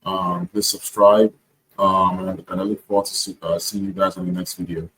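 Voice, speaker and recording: A man's voice: sits low, little pitch movement, normal speed, fairly bright tone, a little hiss or hum, rough recording. A man talking casually to camera, earnest and reflective, with frequent hesitations and restarts. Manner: hesitant, many ums and restarts. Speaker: vlogger.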